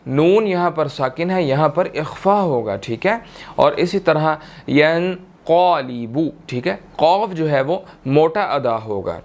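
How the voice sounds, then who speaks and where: A man with a Pakistani Urdu accent teaching tajweed, chanting verses in long drawn-out tones and then explaining each rule briskly, often checking in with "theek hai". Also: fairly high pitch. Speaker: Quran recitation teacher. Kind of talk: tajweed lesson, slow chanted recitation then quick explanation.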